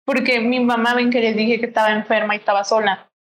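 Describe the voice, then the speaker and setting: Woman, calm matter-of-fact friend, high-ish monotone voice. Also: fast talker. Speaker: friend in the conversation. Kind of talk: casual chat.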